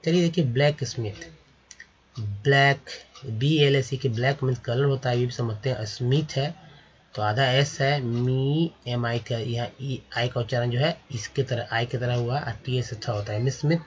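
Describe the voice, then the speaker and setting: A man teaching English vocabulary and pronunciation in Hindi, explaining patiently and repeating each word slowly for his viewers. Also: mid-range voice, lo-fi sound.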